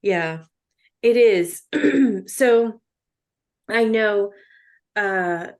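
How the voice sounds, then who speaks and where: A woman's voice: mid-range voice, animated, very slow, darkish tone. A woman co-hosting a casual chat podcast, chatty with fillers and frequent laughs. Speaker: podcast co-host.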